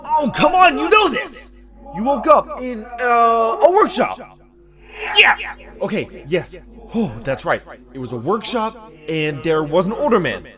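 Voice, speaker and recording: Straining and excited, a man uses an exaggerated, fairly high voice to portray an amnesiac, foul-mouthed former magical fabricator in an audio drama. He talks himself along, alternating between muttered focus and excited outbursts.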